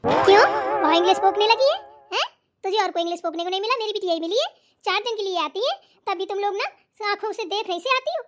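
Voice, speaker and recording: A woman voicing a bossy, sharp-tongued mother-in-law in a cartoon, scolding and taunting with old sayings. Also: very high voice, lively intonation, fast. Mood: grumbling. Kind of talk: cartoon voice acting.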